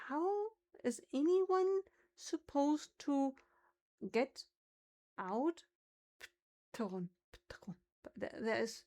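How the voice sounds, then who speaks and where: During a casual livestream chat, a German-accented woman who speaks German natively thinks out loud about how words are said. Her voice is mellow and on the high side.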